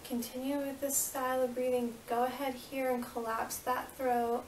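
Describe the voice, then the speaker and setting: A woman yoga instructor leading a guided meditation with soothing, unhurried, gently repeated instructions. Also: high-pitched, level tone. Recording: roomy, distant mic with faint noise.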